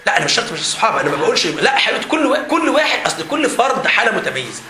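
Man, Egyptian Arabic accent, teacher leading a seminar, animated and joking, high voice, echoey hall. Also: racing, a crowd in the background. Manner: animated, joking, often laughing while talking. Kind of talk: lively seminar talk to students. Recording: echoey hall with faint background noise.

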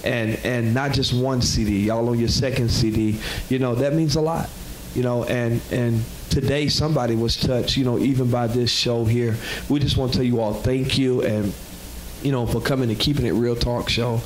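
A man's voice: medium pitch, steady tone, moderate pace. A man with a Southern US accent hosting a talk show, casual and affirming, holding a handheld mic. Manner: affirming, says "that's right" often. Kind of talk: casual chat. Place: talk show studio set. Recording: roomy studio with faint hiss.

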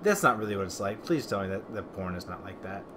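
A man's voice: deep voice, big pitch swings, fast talker, noisy background. A man streaming a city-building game, chatting casually, rambling, swearing and answering his chat.

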